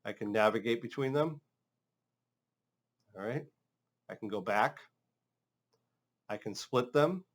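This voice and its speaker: A man's voice: mid-range voice, takes it slowly, pauses often. A man working as a trainer, narrating an instructional demonstration in a casual, step-by-step way. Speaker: phone system trainer.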